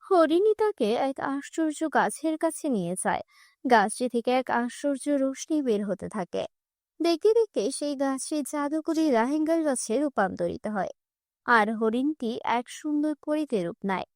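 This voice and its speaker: A cartoon fairy tale for children is told by a woman whose high voice stays clear and steady at a moderate pace. The sound is close-miked and dry, with no room sound.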